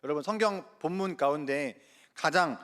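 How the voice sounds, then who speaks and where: A man's voice: fairly high pitch, normal speed, fairly bright tone. A man preaching a sermon in a church, earnestly addressing the congregation with rhetorical questions. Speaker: evangelist preaching.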